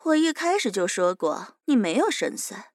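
A woman's voice: medium pitch, very animated, normal speed, no room sound, clean studio sound. A woman voicing a fearless, smug young captive who teases her interrogator and calls herself big sister, in an audio drama.

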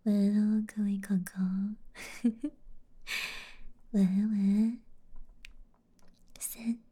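A woman's voice: medium pitch, level tone, extremely slow, warm tone, husky. A young woman hosting a late-night livestream, talking to her viewers in a teasing, playful whisper close to the microphone. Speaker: livestream host.

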